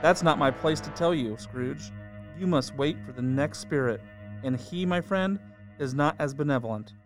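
A man voicing an unseen spirit who speaks in hushed, quick, ominous warnings. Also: on the high side, faint music behind, voice pushed down, natural voice. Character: unseen ghostly spirit, calm and solemn.

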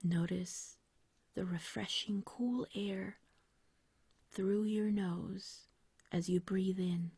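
A woman guiding a meditation like a sleep story narrator, in a soft, whispery, breathy voice with a gentle, soothing, unhurried manner. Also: mid-range voice, fairly even intonation, dry recording. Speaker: meditation guide.

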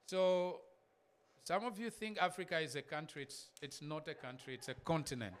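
Man from zambia, church talk, resonant voice, slightly high pitch, casual with laughing asides. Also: animated, moderate pace. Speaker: missionary guest speaker. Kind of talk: church talk with slide pictures.

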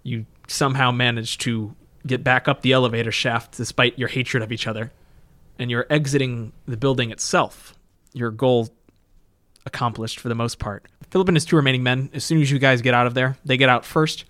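A man's voice: mid-range voice, fairly even intonation, a little fast, a bit bright. A man narrating an improvised tabletop game as game master.

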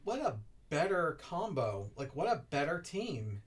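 Very low-voiced woman, dry wisecracks. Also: very animated, measured pace, distant mic. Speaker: podcast co-host. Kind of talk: casual chat.

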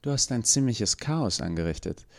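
A man's voice: on the low side, lively intonation, moderate pace, vocal fry, voice pushed up. A man playing a brusque woman professor. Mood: commanding. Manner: clipped and commanding.

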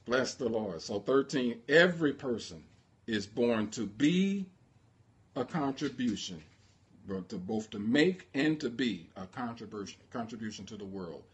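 A man's voice: medium pitch, animated, measured pace. Impassioned male pastor preaching. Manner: impassioned, call-and-response with congregation. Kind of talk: sermon.

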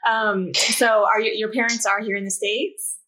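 A woman's voice: mid-range voice, fairly even intonation, moderate pace, bright, forceful tone, rough recording. A woman in her forties hosting a podcast, chatty and sympathetic as she asks her guest questions. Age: 40s. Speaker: podcast host. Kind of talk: casual interview conversation.

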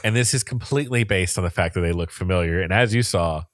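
Young guy rambling on a podcast, really low voice, lots of ums and likes, dry close sound. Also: quick pace, no echo. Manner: rambling, laughs often, many fillers. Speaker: podcast host. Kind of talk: casual chat.

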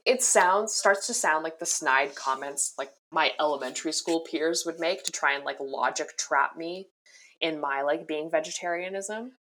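A young woman co-hosting a podcast, chatting casually with a wry, animated manner and many fillers. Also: low-pitched, moderate pace. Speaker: podcast co-host. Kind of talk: casual chat.

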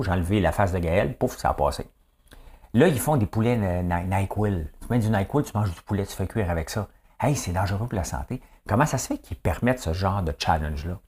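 A man's voice: low voice, a little mellow. A middle-aged man with a Québécois accent giving a jokey, rambling opinion monologue that keeps asking "hein?". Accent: Québécois French. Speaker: commentator.

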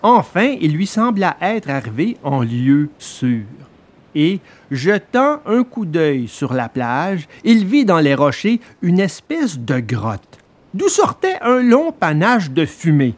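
A man narrating a children's story in an expressive, dramatic storytelling manner. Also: on the high side, takes it slowly.

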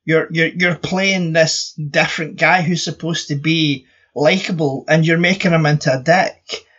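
A Scottish man with a fairly high, forceful, bright voice chats bluntly on a podcast, ranting and swearing without holding back. The sound is a bit dull and lo-fi. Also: fairly even intonation, a little slow, slightly rough. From Scotland. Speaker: podcast co-host. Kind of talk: casual chat.

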